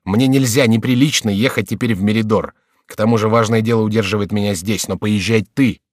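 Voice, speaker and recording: A man reading aloud, voicing a brave young nobleman giving hurried, excited orders. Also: fairly low pitch, no echo, studio quality, lightly acted. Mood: urgent. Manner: urgent, exclamatory.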